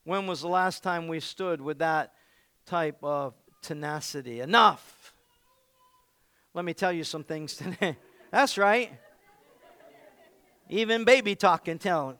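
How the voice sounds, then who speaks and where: Preaching slowly with long pauses, this pastor's high, ringing, bright voice shifts from playful joking to shouted urging, his punchy, energetic delivery aimed at the congregation. The audio is close and dry with no echo, and a faint crowd is audible.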